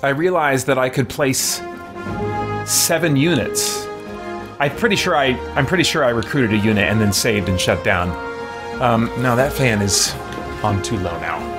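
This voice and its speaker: A gaming host gives casual let's-play commentary, rambling and thinking out loud as he plays. He has a mid-range voice at a moderate pace, there's music underneath, and a fan can be heard near his microphone.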